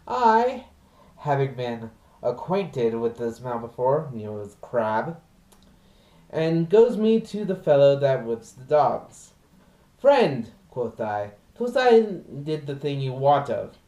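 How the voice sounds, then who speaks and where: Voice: very animated, slow pace, dark tone. Comic Shakespearean servant, rehearsed by a vlogger: aggrieved, theatrical rises, roomy distant sound. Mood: storytelling. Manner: theatrical, swooping emphasis with sudden high outbursts. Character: comic male servant lamenting over his unfeeling dog. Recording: roomy echo, from mic distance.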